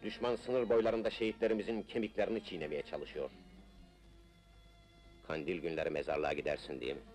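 A man's voice: deep voice, little pitch movement, fairly quick, darkish tone, close to an everyday voice. An actor playing an ardent, resolute Ottoman officer in an old film melodrama, speaking in solemn, poetic declamation. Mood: fervent, patriotic. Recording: old film soundtrack with music. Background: film music.

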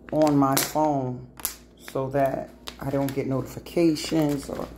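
A woman's voice: low voice, dark tone, slight background noise. A woman in her forties filming a casual vlog at home on a phone held at arm's length, chatting to the camera as she gets ready. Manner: chatty, self-motivating, talks to the camera while doing chores. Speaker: vlogger. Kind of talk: casual self-filmed vlog. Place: home, bedroom then kitchen.

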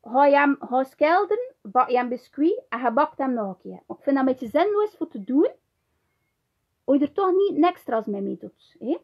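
A woman's voice: sits high, very animated, normal speed, highs cut off. A woman with a Flemish accent giving a hands-on ceramics tutorial, chatting loosely and tagging nearly every sentence with a little "hè". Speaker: ceramics teacher.

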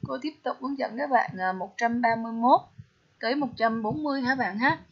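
A woman's voice: on the high side, fairly quick, husky. A woman teaching English through a test walkthrough, often asking her listeners questions. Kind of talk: TOEIC test walkthrough lesson. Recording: slightly dull lo-fi audio.

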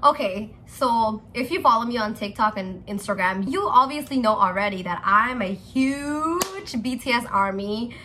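A woman's voice: fairly high pitch, animated, moderate pace, few pauses, sharp tone, slight background noise. A young woman chatting casually in a home vlog, playful and self-mocking, laughing and leaning on "like" fillers. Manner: chatty and giggly, lots of "like" fillers. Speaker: vlogger. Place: at home indoors.

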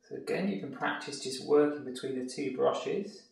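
A man, an art tutor, explaining painting steps in a relaxed way as he works. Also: mid-range voice, moderate pace, creaky, distant mic. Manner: relaxed, explanatory, thinking aloud while painting. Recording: very echoey room, off-mic.

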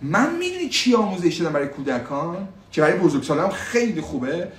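Animated teacher. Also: male voice, high-pitched, echoey room, far from the mic. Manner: switches between Persian explanation and slow drilled English phrases; animated, repeats phrases for learners. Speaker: English teacher. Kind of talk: live online English lesson.

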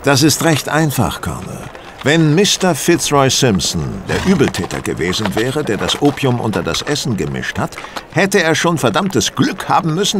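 In a German radio play, a male actor voices a self-assured, coolly superior detective, explaining things with courteous precision and theatrical flair. His voice is fairly high, and the background is noisy.

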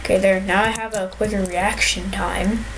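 A woman giving gameplay commentary, excitable and full of trash talk. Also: mid-range voice, normal speed, noisy background. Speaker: gamer.

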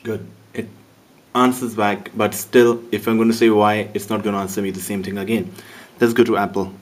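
A man with a Pakistani accent casually narrates a demo of a phone app, chatting away and making amused comments on its answers. His lowish voice is flat in delivery and fairly quick.

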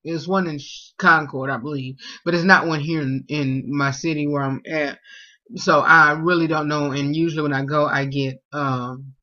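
A young vlogger with a slightly high, steady, sharp voice talks at a normal speed through a casual food tag. He reads each question aloud and answers it with lots of fillers, sitting in a small room at home in front of a close webcam that gives dull, lo-fi sound.

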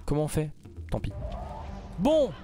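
A man giving casual let's play commentary, mumbling then bursting into loud outbursts. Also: medium pitch, normal speed, soft background music. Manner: excitable, swings from mumbling to outbursts. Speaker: gaming YouTuber.

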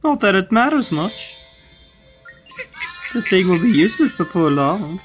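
A man's voice: high voice, very animated, a little slow, music in the background, pitched above the performer's own voice. A man reading game lines as a short, scheming male chancellor, sneering and condescending.

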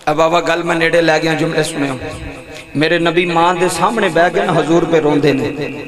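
A man's voice: on the high side, steady tone, a little fast, roomy sound. A man preaching an emotional sermon to a gathering, calling on the listeners to answer him. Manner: impassioned, calls on the audience to answer. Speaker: Islamic preacher. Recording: live event with crowd noise.

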